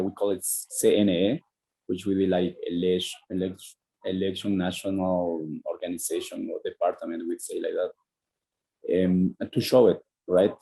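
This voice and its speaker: A man from Ecuador, a native Spanish speaker with an Ecuadorian accent, talking casually over a video call and pausing on many fillers and restarts. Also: low voice, warm tone, rough recording.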